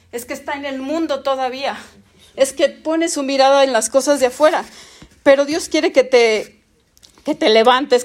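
A woman preaching a sermon in a high, bright voice. She is middle-aged and speaks as a prophet. She drives her points home with emphatic, repeated phrases. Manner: emphatic, repetitive lists, laughs at herself.

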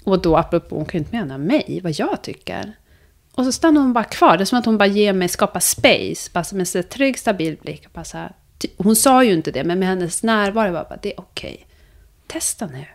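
A young adult woman speaking softly and reflectively as a podcast guest, sometimes dropping to a hush. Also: medium pitch, lively intonation. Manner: soft, searching, drifts into hushed whispers. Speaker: guest, vocal coach and therapist. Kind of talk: reflective conversation.

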